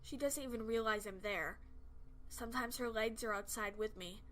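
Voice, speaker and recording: A woman's voice: on the high side, moderate pace, fairly bright tone, slight background noise. A woman reading a scripted first-person horror story as its narrator.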